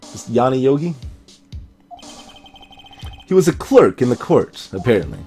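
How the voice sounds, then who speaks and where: With a dark-toned, medium-pitched, sing-song voice, a man reads game script dramatically and a little slowly in his let's play. He slips in wry, playful asides, and faint music can be heard behind him.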